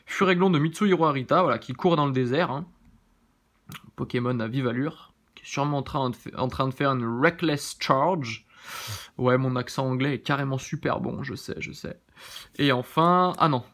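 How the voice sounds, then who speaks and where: A man hosting his channel, giving casual, relaxed commentary as he opens trading cards, often thinking aloud and second-guessing names. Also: medium pitch. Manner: relaxed, chatty, many fillers. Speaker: YouTube channel host. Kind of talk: casual card-opening commentary.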